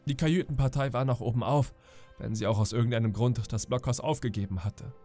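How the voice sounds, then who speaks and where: A man calmly narrating an audiobook meant for falling asleep to. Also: mid-range voice, fairly quick, soft background music. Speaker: audiobook reader. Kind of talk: calm bedtime audiobook narration.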